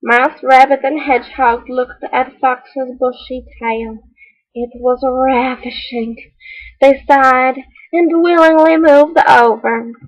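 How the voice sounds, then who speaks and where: A woman plays a quirky, earnest read-aloud hostess with a mock foreign accent, telling a children's story with exaggerated delivery and deadpan asides. Her voice is high and she takes it slowly. The audio quality is poor.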